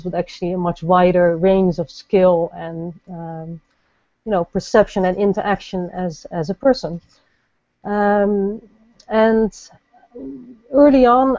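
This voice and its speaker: A woman from the Netherlands, a guest lighting designer, answering interview questions thoughtfully with many pauses and fillers. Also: mid-range voice, dark tone, no room sound, highs cut off. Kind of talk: podcast interview.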